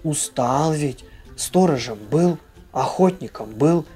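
A storyteller who also hosts a channel reads to children expressively, her voice carrying a breathy edge. She goes slowly at a middle pitch while music plays in the background.

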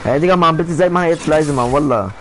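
A man's voice: a little high, a little fast. A young man, chatting casually and bluntly in street slang while gaming. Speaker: gamer live-streaming. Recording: noisy game-stream headset audio.

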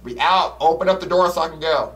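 A man's voice: fast talker, distant mic. A man giving casual, slangy, profane commentary as he plays a horror game, griping bluntly at it. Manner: swings between muttering and loud high-pitched exclamations. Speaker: game streamer playing a horror game.

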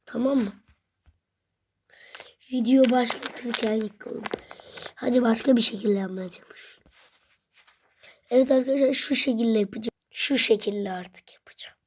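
A woman's voice: fairly high pitch, steady tone, a little slow, long pauses, a little hiss or hum. A young woman talking casually to her viewers while building a tower, pleading with it and often dropping to a whisper. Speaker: vlogger.

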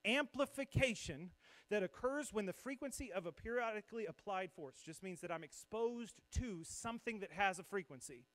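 A man's voice: high voice, fairly bright tone. A young man, a worship pastor, giving a conversational sermon from a church stage into a microphone, explaining with self-deprecating asides. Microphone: handheld or stage microphone.

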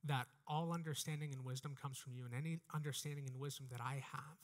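A fast-talking preacher with a medium pitch and steady tone urges his listeners on from an indoor church stage. He is an American man in his thirties using a headset mic, and he repeats phrases a lot in his earnest sermon.

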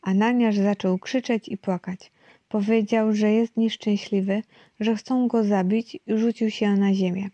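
A woman narrating a children's book in a lively storytelling way. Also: medium pitch, a little slow, dry recording, highs cut off.

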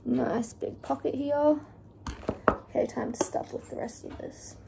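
A woman's voice: high voice, fairly even intonation, a little slow, gravelly, very noisy. A young woman chatting casually while cooking in her home kitchen, with lots of fillers. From Australia. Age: young adult. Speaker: vlogger. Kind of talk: casual cook-along chat. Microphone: phone camera on the counter.

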